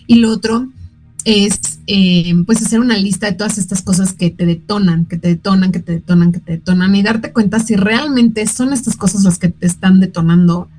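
Husky Mexican woman radio host. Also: medium pitch, fairly even intonation, moderate pace, darkish tone, rough recording. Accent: Mexican Spanish. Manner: conversational, repeats words, many fillers. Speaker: radio show host giving parenting advice. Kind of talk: casual talk on emotions.

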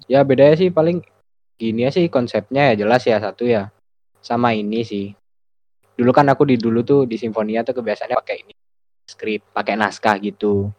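A man's voice: medium pitch, normal speed, darkish tone. A man talking casually as a podcast co-host. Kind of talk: casual chat. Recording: dull, band-limited close recording.

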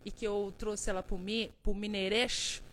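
A woman hosting a live stream as a self-help speaker, talking casually and warmly to viewers by name, coaxing and motivational, with frequent chuckles. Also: mid-range voice, little pitch movement, a little slow, a little hiss or hum, poor audio. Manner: affectionate, calls viewers by name and "love"; playful, chuckles often.

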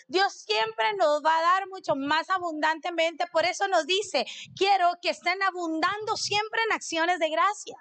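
A middle-aged woman delivers a sermon in a high, bright-toned voice. She keeps it conversational, tells stories and turns to the congregation with questions. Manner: conversational, asks the audience questions. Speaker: preacher. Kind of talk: sermon with personal testimony.

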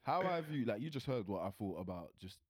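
A man's voice: on the low side, sing-song, a little fast, over a noisy crowd. A young man with a London roadman accent, chatting casually in a group with blunt, slangy phrasing. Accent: London, urban street slang. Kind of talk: casual banter in a group discussion.

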